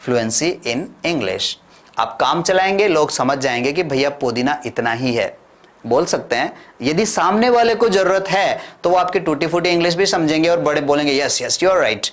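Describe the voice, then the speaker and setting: A man with an Indian accent teaching spoken English in a classroom, drilling slow model sentences and asking the class to repeat. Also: on the high side, expressive. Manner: asks the class and answers himself. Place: classroom with whiteboard.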